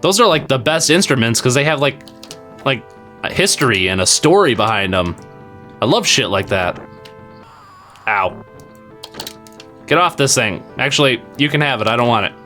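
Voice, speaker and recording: Bright-voiced man chatting through a game stream. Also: mid-range voice, big pitch swings, moderate pace, long pauses, faint music behind. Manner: rambling and chatty, full of fillers and casual swearing; talks to chat while playing. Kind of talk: casual live-stream gameplay commentary.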